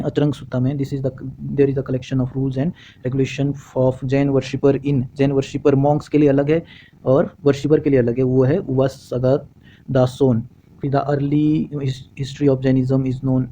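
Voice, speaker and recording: A male teacher lecturing from notes, halting and often restarting words, mixing Hindi and English. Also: medium pitch, mellow, muffled recording. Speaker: exam coaching teacher.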